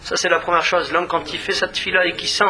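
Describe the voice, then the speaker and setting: Male rabbi type, earnest teaching voice, very bright timbre, broadcast feel. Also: high-pitched, flat delivery, fast talker. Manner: earnest, repeats words when searching. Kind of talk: religious lesson.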